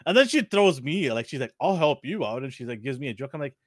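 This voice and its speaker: A man's voice: medium pitch, fast talker, no echo. A middle-aged man co-hosting a podcast in casual chat, joking around and laughing often. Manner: jokey and animated, laughs often. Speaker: podcast co-host.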